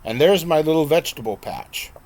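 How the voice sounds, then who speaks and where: A man's voice: fairly high pitch, animated, a little fast, darkish tone, pitched above the performer's own voice. A man voicing a jovial, folksy older grandmother on a farm, who talks in a teasing, matter-of-fact country way.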